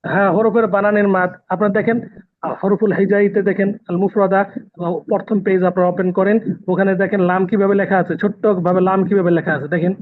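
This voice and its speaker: A man teaching Quran recitation rules in an online lesson, patiently repeating terms and quizzing his students. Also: sits high. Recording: tinny phone-like call audio.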